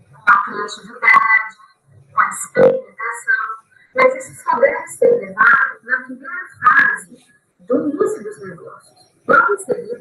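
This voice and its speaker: A high, very lively woman's voice narrates a business video in a formal, instructive way. The audio is corrupted, glitchy and crackling, and it plays through a video call. Her tone is bright and gravelly.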